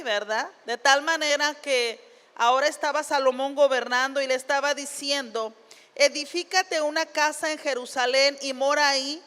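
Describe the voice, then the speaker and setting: High-voiced woman preaching slowly. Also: bright, forceful tone. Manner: retells scripture in plain words, with frequent tag questions. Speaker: pastor. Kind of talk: sermon. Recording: long reverb of a church hall.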